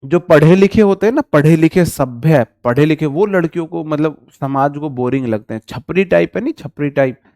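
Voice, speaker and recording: A man's voice: on the high side, normal speed, mellow, dry recording, clean studio sound. A man teaching vocabulary in a live online lesson, chatty and joking, calling his viewers brother.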